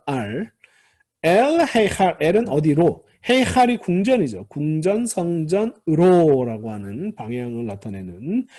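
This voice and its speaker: A male lecturer with a lively, rising-and-falling delivery, taking students through a grammar lesson one term at a time. His voice sits a bit high yet sounds mellow and slightly husky. He repeats key words and opens each new point with a brief cue. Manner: patient, repeats key terms, starts points with "자". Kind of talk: recorded classroom lecture.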